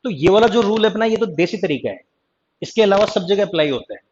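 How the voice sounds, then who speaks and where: A male teacher leads a live online grammar class, his high, animated voice slightly raised, quick-paced, and a little mellow. Teasing and chatty, he keeps pulling students back to attention with "ध्यान देना" and "ठीक है जी." The class-stream mic gives dull, lo-fi audio with slight background noise.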